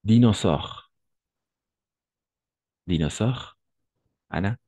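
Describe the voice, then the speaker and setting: A man's voice: fairly low pitch, lively intonation, drawn-out words, mellow, no room sound. A man teaching French in an online lesson, patiently repeating words and correcting pronunciation.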